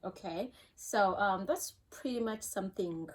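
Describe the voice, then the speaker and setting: A woman's voice: mid-range voice, unhurried. Ugandan-accented woman, mother figure; earnest, cautioning, casual advice talk. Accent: Ugandan English. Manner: earnest, cautioning, repeats herself.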